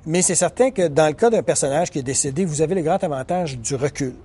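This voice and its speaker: Hesitant man, mellow voice. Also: a little high, lively intonation, quick pace, breathy edge. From Quebec, Canada. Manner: hesitant, many fillers and restarts. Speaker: journalist and biographer. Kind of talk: recorded interview, thoughtful explanation.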